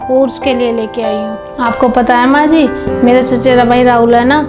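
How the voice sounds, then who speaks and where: A woman's voice: fairly high pitch, fairly even intonation, normal speed, natural voice. A woman playing an eager young bride. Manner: earnest, eager, chatty. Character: young newly married daughter-in-law, devoted sister. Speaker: daughter-in-law in a family drama. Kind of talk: scripted home video family drama. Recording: background music under dialogue.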